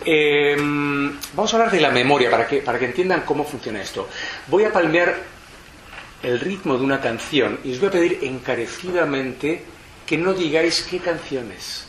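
A native Spanish speaker gives a lecture in a slightly high, a bit bright voice, animated and at a moderate pace. He explains thoughtfully, often restarting sentences, in a roomy, echoing hall with faint background noise.

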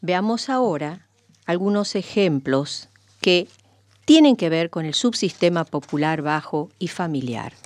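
A woman reciting and explaining folk sayings and riddles with a deliberate, expressive delivery. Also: on the low side, no room sound.

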